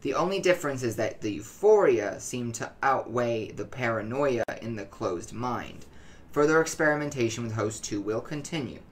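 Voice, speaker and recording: A narrator voicing a clinical, secretive male researcher reading out experiment notes in a formal, measured, detached way for a horror story. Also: mid-range voice, expressive, lightly acted.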